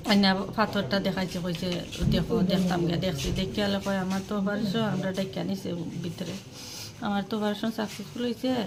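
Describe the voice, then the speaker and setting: A woman, speaking agitatedly and loudly to a reporter outdoors in regional dialect. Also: mid-range voice, steady tone, fairly quick. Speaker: relative of the patient. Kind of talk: interview on the spot. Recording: noisy outdoor recording.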